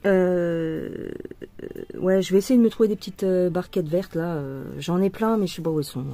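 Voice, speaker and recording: A French woman vlogging her bead embroidery, singing along softly and chatting in asides. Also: fairly low pitch, moderate pace. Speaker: craft vlogger. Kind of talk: casual chat while bead embroidering.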